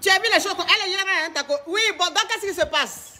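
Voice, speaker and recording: A man's voice: very high voice, fast, pushed and bright. A man hosting a comic call-in show as a flamboyant, bossy self-styled coach who mixes broken English with French.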